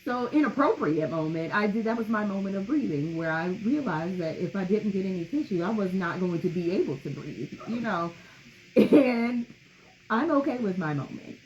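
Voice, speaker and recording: A woman's voice: medium pitch, expressive, moderate pace, darkish tone, lo-fi sound, a little hiss or hum. A woman co-hosting a casual podcast conversation, telling things in a candid, emphatic way. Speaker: podcast co-host.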